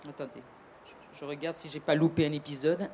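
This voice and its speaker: A woman with a southern French accent tells an old tale casually and hesitantly, full of fillers, restarts and joking asides. Her voice is low and darkish, her intonation fairly even, her pace brisk. There's slight background noise.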